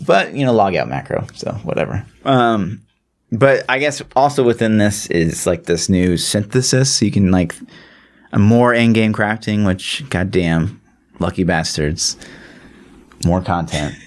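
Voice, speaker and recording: A podcast co-host chats casually about gaming, explaining things in a rambling, slangy way and swearing now and then. His voice is lowish and his pace measured.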